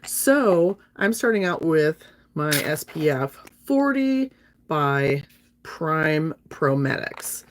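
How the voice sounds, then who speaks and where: A woman in her fifties speaks with a low, deep-set voice. She talks to her viewers in a chatty, friendly way while doing her makeup on a livestream. A slight lingering cough stays with her. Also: big pitch swings, slow pace, a little hiss or hum. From North Alabama, USA. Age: 50s.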